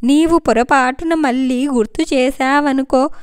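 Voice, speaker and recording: A woman's voice: sits high, unhurried, dry recording, studio quality. A woman voicing a young adult son who talks to his mother in a soothing, reassuring way. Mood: consoling.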